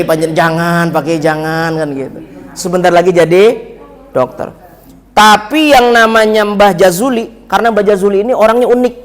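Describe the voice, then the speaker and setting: Male preacher, high voice, playful storyteller who acts out the dialogue. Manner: lively storytelling, acts out dialogue, jokes with audience. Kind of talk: mosque religious lecture. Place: mosque hall. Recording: reverberant mosque hall.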